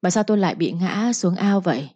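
A woman's voice: lowish voice, animated, a little fast, warm tone, slightly rough, no room sound, muffled recording. A woman reading a proud young wife. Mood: earnest.

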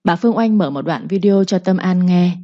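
A woman's voice: on the low side, normal speed, dark tone, dry recording, muffled recording. A woman narrating a dramatic audio story, voicing every character herself with little change.

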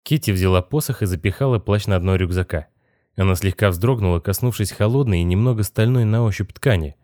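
Low-voiced man narrating an audiobook. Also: fairly quick, a little mellow, no echo, studio quality. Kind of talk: scripted narration.

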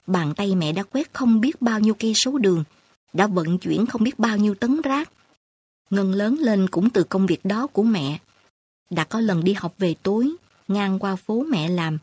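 A woman reads a story aloud in a tender, measured way. Her voice is husky and a little breathy. The recording is close and dry, with no room sound. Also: mid-range voice, a little mellow, dry recording. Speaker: narrator. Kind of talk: scripted storybook narration.

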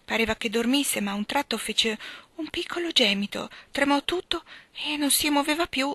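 A woman voicing a gentle, sickly young girl who speaks softly and earnestly. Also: sits high, expressive, normal speed, no echo, pitched above the performer's own voice. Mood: sorrowful.

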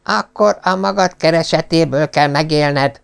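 A man voicing a stern old aristocratic father who scolds and commands, with a gravelly voice. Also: fairly high pitch, voice pushed up.

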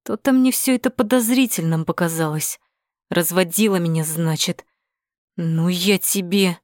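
A woman's voice: fairly low pitch, moderate pace, darkish tone, no room sound, clean studio sound, lightly acted. A woman voicing a menacing, coarse male hitman who hisses threats. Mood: furious. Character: menacing male hitman thug, hissing, crude.

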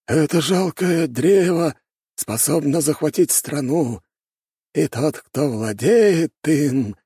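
A cunning old elder , put on by a male narrator, speaks in a high, husky, drawn-out voice. He is sly and measured and sounds sure of his schemes. The audiobook recording is dry. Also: animated, mellow, dry recording, exaggerated voice. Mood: scheming.

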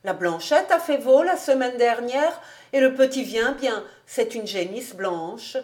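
A woman reading an audiobook, voicing a sweet, timid young farm girl who talks quickly and eagerly. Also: fairly high pitch, expressive, a little mellow.

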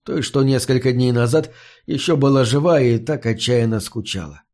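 A man narrating a first-person fantasy audiobook in a measured, somber storytelling manner. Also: medium pitch, a little mellow.

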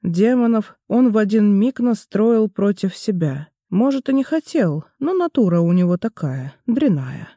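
A man reading a fantasy audiobook aloud in a measured, even storytelling manner. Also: high voice, no echo, clean studio sound. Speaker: audiobook narrator. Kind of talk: scripted fantasy narration.

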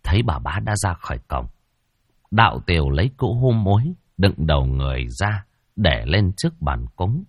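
A man's voice: low voice, very animated, normal speed, no echo, muffled recording. A man narrating a ghost story dramatically.

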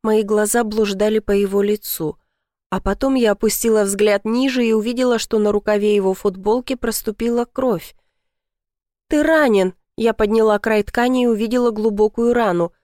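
Woman audiobook narrator, first-person novel, expressive, mid pitch, dry close sound. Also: normal speed, no room sound. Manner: emotional, expressive reading.

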